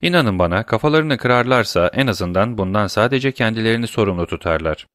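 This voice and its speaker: A man voicing a cool, scheming, worldly count who speaks smoothly and with self-assured irony. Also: fairly low pitch, animated, a little fast, a bit bright, no echo, studio quality. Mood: ironic.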